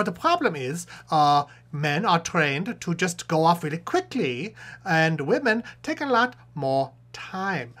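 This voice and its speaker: A performer voicing a cheeky male puppet professor who hosts a comedic sex-advice show, playful and jokey, with quick muttered asides. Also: medium pitch, a bit bright.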